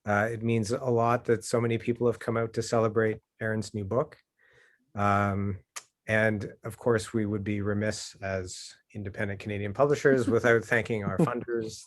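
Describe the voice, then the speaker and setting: A man, a publisher co-hosting a book launch over a video call, giving casual closing thanks with a few ums. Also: lowish voice.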